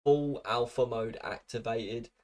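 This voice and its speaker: A man's voice: mid-range voice, takes it slowly. A British man narrating a commentary video in a dry, mocking way, with scripted sardonic remarks.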